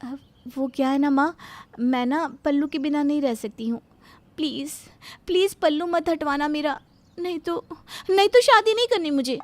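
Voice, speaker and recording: A woman's voice: sits high, moderate pace, dry recording, lightly acted. A woman voicing a cheeky, sassy young bride in a cartoon story, pleading at times and talking back at others. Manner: pleading, then cheeky and loud. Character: sassy young bride hiding big ears.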